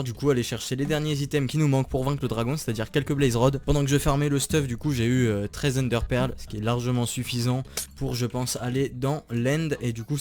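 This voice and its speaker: A young man giving chatty, excitable commentary while playing a video game and talking to his viewers. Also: medium pitch. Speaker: gaming YouTuber. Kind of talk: casual Minecraft let's play commentary. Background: background music.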